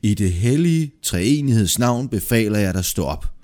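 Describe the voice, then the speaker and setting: A man doing a calm, deep-voiced old apostle. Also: natural voice. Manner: slow, low and measured. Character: calm, patient old male apostle, quietly stern.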